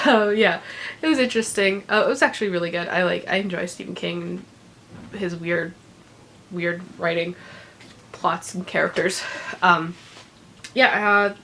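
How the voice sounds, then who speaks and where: A woman with a lowish, fairly bright voice rambles through a casual, unedited chat about her recent reads as a book vlogger. She sounds congested from recovering from illness and fills her talk with ums and soft laughs. Slight background noise is audible.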